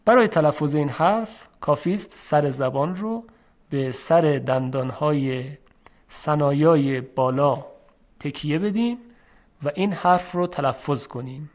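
A man with a fairly high voice teaches letter sounds in a measured lesson. He stretches and repeats each example slowly so listeners can copy it. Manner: slow and drawn-out on example sounds, repeating them for students. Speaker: Quran recitation teacher. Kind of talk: tajwid pronunciation lesson.

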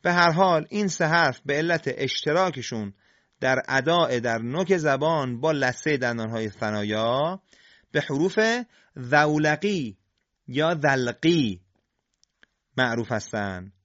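A man teaching Quran recitation, explaining how letters are formed and slowly sounding them out to demonstrate. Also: mid-range voice, a bit bright, no room sound, highs cut off. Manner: slow, deliberate, demonstrates sounds. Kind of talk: scripted instructional lesson on tajweed.

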